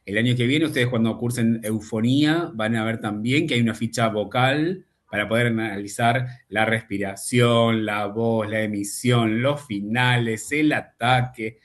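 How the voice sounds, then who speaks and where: A man gives a speech therapy lesson over a video call. His voice sits at a middle pitch for a man. He explains patiently and keeps checking in with his students. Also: a little slow, hardly any pauses. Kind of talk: online class explanation.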